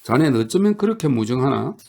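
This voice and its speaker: A distraught husband pleads in choked bursts, as a male audiobook reader voices him with a gravelly edge. He sounds shaken and helpless, a storybook figure. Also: medium pitch, sing-song, quick pace, darkish tone. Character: distraught grieving husband, a man.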